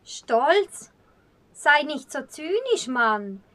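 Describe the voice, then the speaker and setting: A woman playing a proud, sharp-tongued blind painter, snapping back with quick, scornful retorts in acted short-film dialogue. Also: high-pitched, big pitch swings, full character voice.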